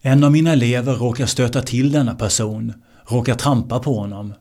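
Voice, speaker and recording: Dark, measured male meditation teacher. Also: medium pitch. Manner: slow, measured and repetitive, dwelling on key words. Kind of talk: spiritual teaching talk.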